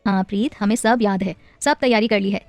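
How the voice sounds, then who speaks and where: A woman's voice: medium pitch, fairly quick, dry recording, faint music behind, natural voice. A woman voicing a firm but loving young wife and mother in an audio story, with a teasing, affectionate scolding manner. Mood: tender.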